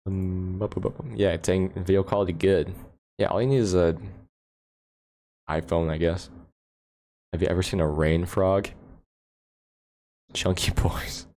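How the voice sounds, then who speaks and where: A man's voice: low voice, steady tone, unhurried, long pauses, a little mellow. A man from the United States chatting casually on a livestream, rambling, laughing often and answering chat questions, recorded on a phone indoors. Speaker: livestream host.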